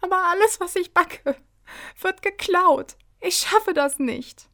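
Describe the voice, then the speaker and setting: A woman's voice: very high voice, slow, bright, forceful tone, voice pushed up, full character voice. A woman voicing an overworked, tearful female Christmas baker in a children's story.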